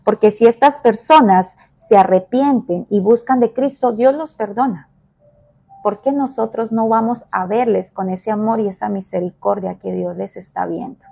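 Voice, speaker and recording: A woman evangelist giving a devotional sermon, emphatic and repetitive, moving between soft and raised delivery. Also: medium pitch, moderate pace, vocal fry.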